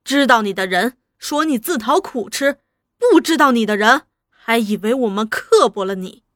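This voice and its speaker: A woman's voice: a little high, animated, normal speed, dry recording, clean studio sound, natural voice. A woman voicing a stern village mother who scolds in an exasperated way in a storybook reading. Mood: scolding. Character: stern rural mother, scolding but soft-hearted.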